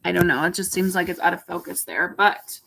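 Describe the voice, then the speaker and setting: A woman yoga instructor guiding a home yoga class in a relaxed way, with a raspy voice and pollen congestion. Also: fairly low pitch, fairly quick, background noise. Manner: relaxed, cueing poses with fillers. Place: home under construction. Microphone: laptop camera.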